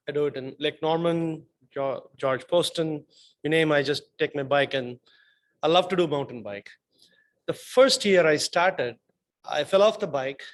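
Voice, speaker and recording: A man giving an earnest impromptu speech about a personal story, with halting restarts. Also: on the high side.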